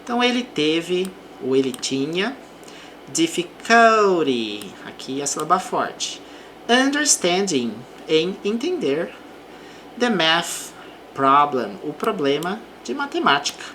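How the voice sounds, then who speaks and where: Brazilian woman language teacher, unhurried and patient delivery, lively pitch. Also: a little hiss or hum. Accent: Brazilian Portuguese. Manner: reads English example sentences slowly, then explains in Portuguese. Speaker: English teacher. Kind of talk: slow explanatory language lesson.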